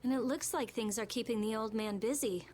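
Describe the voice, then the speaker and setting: Woman as a high-voiced, blunt adventurer. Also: fairly quick, a little mellow, a little hiss or hum, close to an everyday voice. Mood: sober. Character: blunt, aloof female adventurer, sharp-tongued. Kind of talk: video game dialogue.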